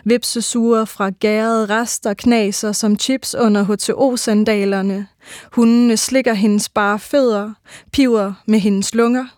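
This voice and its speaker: A woman giving a measured, rhythmic reading of her own first-person literary prose. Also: medium pitch, steady tone, darkish tone, no room sound, studio quality.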